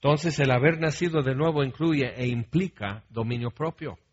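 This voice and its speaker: A pastor with a Mexican Spanish accent preaches a sermon conversationally, often checking in with the congregation and slipping humorous stories and asides into his talk. His mid-range voice moves at a moderate pace with a breathy edge, and the recording sounds lo-fi.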